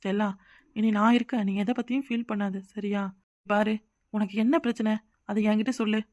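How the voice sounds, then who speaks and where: A woman voicing a cartoon role, talking in a gentle, coaxing, consoling way. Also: mid-range voice, steady tone, brisk. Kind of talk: cartoon voice acting.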